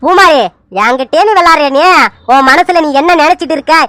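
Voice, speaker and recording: A woman voicing a teasing man who chats on the phone in an animated serial, full of mock fear and pleading. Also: high-pitched, fairly quick, no echo. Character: man called Surya sir on the phone, teasing. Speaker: cartoon character.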